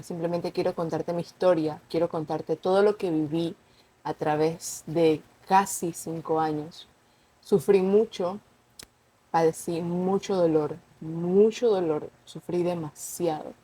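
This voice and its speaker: A woman's voice: lowish voice, mellow. A young woman telling her personal testimony in an unscripted, conversational way, earnest and repeating words for emphasis. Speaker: vlogger sharing a personal testimony.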